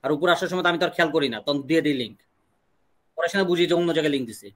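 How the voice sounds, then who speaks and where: A young man with a Bangladeshi accent teaching an online English class, slowly drilling questions and answers for students to repeat. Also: on the high side. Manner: slow deliberate drilling of English sentences.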